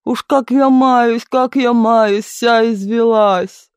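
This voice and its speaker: A man voicing a grumpy older woman housemaid with a toothache, whining in a slurred, drawn-out way. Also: very high-pitched, fairly even intonation, smooth, dry recording, clean studio sound, voice pushed up, heavily acted. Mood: whining plea.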